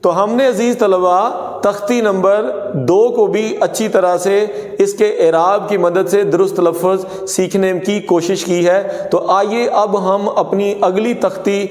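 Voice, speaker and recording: A man teaching a pronunciation lesson, saying words slowly and contrasting wrong and right forms. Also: high-pitched, steady tone, darkish tone. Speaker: Urdu teacher. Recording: echoey room with long reverb.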